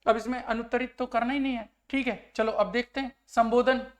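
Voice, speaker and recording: Guy teaching grammar online, keeps asking "clear?" and acting out sentences. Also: very high-pitched, fairly even intonation, brisk. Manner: explains by acting out example sentences; keeps asking questions to check understanding. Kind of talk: online exam-prep lesson.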